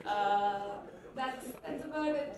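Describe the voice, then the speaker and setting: A woman giving a thank-you speech on stage at a film launch, switching between Tamil and English, pausing often with fillers. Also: high voice. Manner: unhurried, with many pauses and fillers. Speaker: actress speaking at a film launch. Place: large event hall. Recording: echoey hall from far off with crowd.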